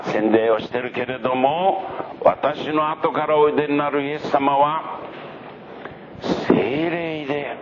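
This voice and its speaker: A man's voice: mid-range voice, voice pushed up, close to an everyday voice. A man voicing an earnest male prophet who baptizes crowds, speaking fervently and humbly in a muffled lo-fi recording with background noise.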